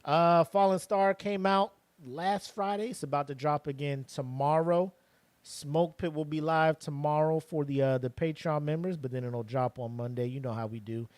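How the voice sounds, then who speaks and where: A man co-hosting a podcast in casual chat, animated and sarcastic, full of slang. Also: fairly high pitch, normal speed, dry recording. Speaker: podcast co-host.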